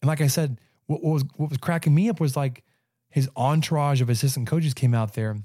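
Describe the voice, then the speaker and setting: A man of thirty-five co-hosting a sports podcast, telling stories in casual chat with quick stammering restarts. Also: fairly high pitch, no echo, clean studio sound. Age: 30s. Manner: animated storyteller, stammering restarts. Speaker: podcast co-host.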